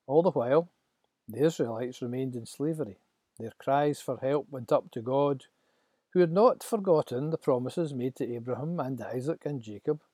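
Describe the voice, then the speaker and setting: Husky, dark-voiced male storyteller. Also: medium pitch, normal speed, dry recording. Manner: dramatic, expressive storytelling. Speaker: narrator. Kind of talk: scripted storybook narration.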